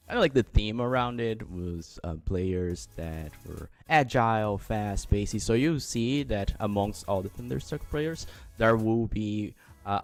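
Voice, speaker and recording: A man co-hosting a mobile game livestream, talking loosely with many fillers while giving players advice. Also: on the low side. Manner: relaxed, filler-heavy, advising viewers. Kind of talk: casual livestream chat.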